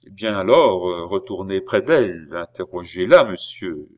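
A man's voice: deep voice, animated. A man reading as a grave, stern doctor. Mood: solemn. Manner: measured and solemn. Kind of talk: audiobook reading.

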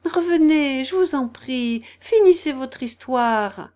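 A woman's voice: high-pitched, expressive, unhurried, darkish tone, pitched above the performer's own voice. A woman voicing Alice, a curious, polite young girl who talks earnestly and a little apologetically. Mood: apologetic. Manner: eager, earnest, slightly apologetic.

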